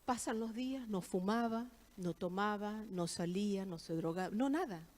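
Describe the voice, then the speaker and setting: A woman's voice: medium pitch, moderate pace, darkish tone. Argentine woman sharing a heartfelt testimony. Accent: Argentine Spanish. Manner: heartfelt, emphatic repetitions. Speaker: guest speaker giving testimony. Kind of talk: church testimony. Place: church service.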